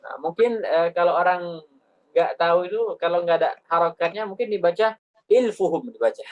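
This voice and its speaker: In a Quran recitation lesson, a woman explains patiently, reciting example words slowly and repeating them. Her voice is lowish and the audio is poor.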